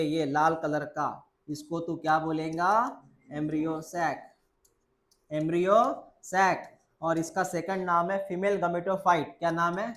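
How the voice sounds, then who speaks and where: A male biology teacher speaking Hindi with English terms in a classroom lecture. He quizzes students with the same question several times and answers it himself, calling them "beta". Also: high voice. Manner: repeats key points and quizzes students, answering his own questions; coaxing, calls the listener "beta".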